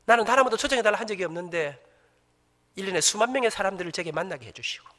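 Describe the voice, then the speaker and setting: Bright fast-talking man, echoey church. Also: high voice, animated. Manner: humorous, emphatic storytelling. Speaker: church elder. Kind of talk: testimony talk to a congregation. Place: church sanctuary.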